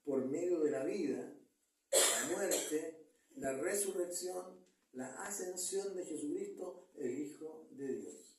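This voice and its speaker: A man's voice: on the high side, lively intonation, takes it slowly, noisy background. A man, a pastor, preaching an earnest sermon and checking in with the congregation. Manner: earnest, repeats words, asks the congregation "¿ya?". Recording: echoey church hall, mic far off.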